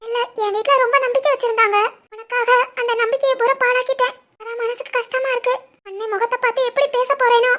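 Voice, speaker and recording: A woman voicing a tearful young village woman in an animated drama, speaking softly with a Tirunelveli Tamil accent. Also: very high-pitched, fast talker. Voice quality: soft, subdued.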